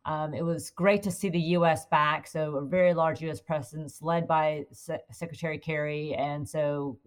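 A woman's voice: deep voice, fairly even intonation, moderate pace. A woman guest in an interview, explaining her work fluently with frequent "you know" fillers. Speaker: guest, corporate affairs executive at a utility. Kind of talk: casual interview conversation.

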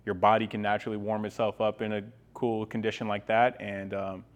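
Young adult male guest coach, fairly deep voice, enthusiastic, conversational explainer. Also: level tone, fairly quick, highs cut off. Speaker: guest, ice bath workshop coach. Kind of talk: casual explanatory interview talk.

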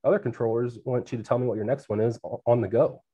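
A man who works as an air traffic controller, speaking in a relaxed interview over a remote call and explaining things plainly with an easy laugh. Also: medium pitch, fast talker, slightly rough. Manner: explains plainly, laughs easily, many restarts. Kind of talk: conversational interview.

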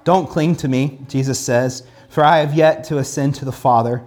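At medium pitch and a moderate pace, a somewhat mellow-voiced pastor teaches casually from the Bible. Scripture readings punctuate his comments, and he layers emphasis with repetition and a steady stream of "like."

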